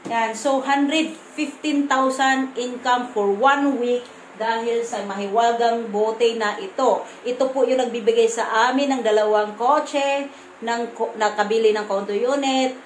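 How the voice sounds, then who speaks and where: High-voiced Visayan woman vlogging, echoey room. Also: slight background noise. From Visayas, Philippines. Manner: firm, blunt tone with halting restarts. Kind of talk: casual vlog to camera. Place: room at home.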